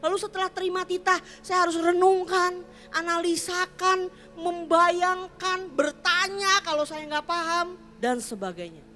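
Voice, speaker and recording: A woman's voice: extremely high pitch, a little slow, sharp tone, soft background music. A woman pastor preaching a sermon in a chatty storytelling way, slipping into playful slang. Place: church.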